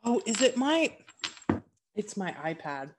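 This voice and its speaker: A woman's voice: mid-range voice, big pitch swings, takes it slowly, very noisy. A woman co-hosting a podcast in casual chat, chatty with wry, dry asides. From Florida. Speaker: podcast co-host.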